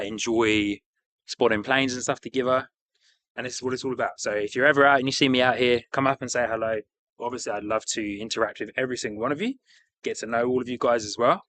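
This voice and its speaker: A man's voice: medium pitch, quick pace, a bit bright. A man with a broad New Zealand accent chatting casually as a livestream host, upbeat, matey and enthusiastic. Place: outdoors beside an airport.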